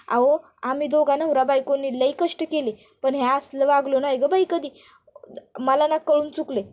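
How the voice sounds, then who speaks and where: Lady putting on a loud high-pitched village mom, wailing and begging, super theatrical, storybook retelling. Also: natural voice. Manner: pleading, protesting, theatrical wailing in rural dialect. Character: melodramatic wailing village mother-in-law, middle-aged woman.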